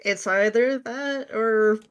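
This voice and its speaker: A woman appears as an interview guest, a script writer chatting casually and sharing little anecdotes. Her voice sits a little high and comes out smooth and slow, and she's jokey and easily amused, often laughing as she talks.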